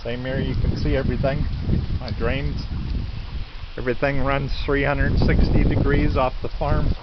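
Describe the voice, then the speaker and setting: A man speaks in a mid-range voice, giving an informal weather update outdoors. He rambles casually like a home vlogger. Loud wind buffets the mic throughout, and the sound is dull. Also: mid-range voice, level tone, moderate pace. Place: outdoors at a farm in stormy wind and rain.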